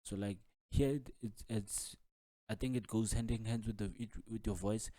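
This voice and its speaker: In studio-quality audio with no echo, a man with a mellow, lowish voice and steady tone walks through music production software at a normal speed. His informal tutorial is casual and loose, repetitive and heavy on the fillers "like" and "man".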